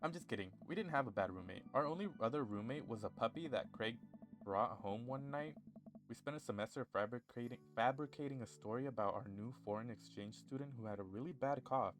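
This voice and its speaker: A man's voice: mid-range voice, a little fast, over music. A young man streaming a game, reading its lines aloud in a playful, jokey, rambling way. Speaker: gaming streamer.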